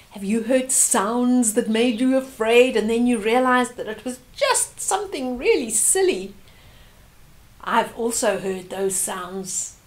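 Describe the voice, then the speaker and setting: Gently reading a bedtime story to young children, an older woman uses a slightly high voice and pauses for asides and questions aimed at her listener.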